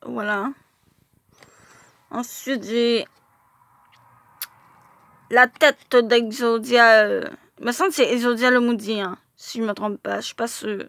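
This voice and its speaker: A woman's voice: fairly high pitch, fairly even intonation, normal speed, vocal fry, no echo. A woman showing her card collection in a casual vlog, hesitant and full of filler sounds as she stumbles over English names.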